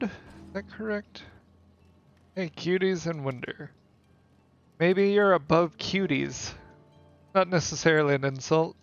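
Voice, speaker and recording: A man's voice: a little high, highs cut off. A man live-streaming a building game, casually chatting with and teasing his viewers.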